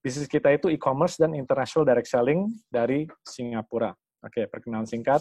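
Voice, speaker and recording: Man, sales presenter, video call, dry close sound, upbeat pitch. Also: a little fast, a little mellow, dry recording. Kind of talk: online business presentation.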